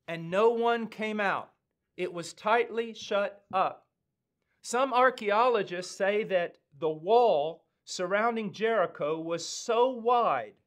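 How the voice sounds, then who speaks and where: A man in his fifties with an American accent, preaching a sermon in a slow, earnest, emphatic way with weighty pauses, seated in a studio. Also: high-pitched. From United States. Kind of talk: sermon teaching. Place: studio with dark backdrop, indoors.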